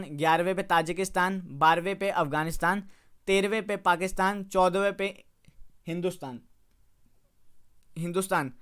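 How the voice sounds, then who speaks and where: Clear higher-voiced male geography teacher. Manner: repetitive, corrects own slips, says "theek hai" often. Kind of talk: map lesson to viewers.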